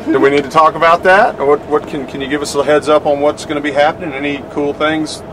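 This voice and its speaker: A man's voice: fairly high pitch, fairly even intonation, fast. A middle-aged man, an editor, asking friendly, easygoing questions from the passenger seat of a truck. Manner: friendly, easygoing, small restarts. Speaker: trade magazine editor and interviewer. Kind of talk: interview questions. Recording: loud road noise in a truck cab.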